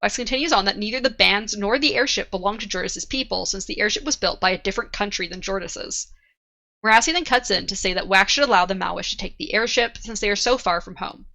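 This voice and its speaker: A woman's voice: medium pitch, quick pace, vocal fry, pushed and bright. A woman in her thirties hosting a casual book club podcast, laughing often and swearing now and then. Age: 30s. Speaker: podcast host.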